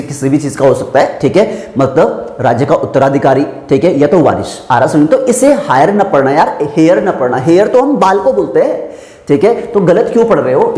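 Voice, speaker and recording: A man's voice: fairly high pitch, a little mellow. A man teaching English grammar in a classroom-style lesson, explaining step by step and asking and answering his own questions. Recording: echoey room with long reverb.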